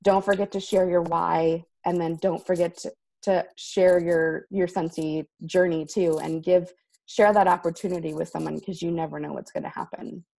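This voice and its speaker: Chatty lower-voiced woman on a call. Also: steady tone, normal speed, vocal fry, mellow. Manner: chatty, says like a lot. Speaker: consultant sharing tips. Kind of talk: casual group call talk. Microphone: video call.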